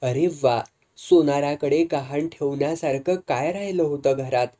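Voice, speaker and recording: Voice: medium pitch, unhurried, warm tone, natural voice. A narrator doing a bitter bedridden old man. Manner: sarcastic, scolding.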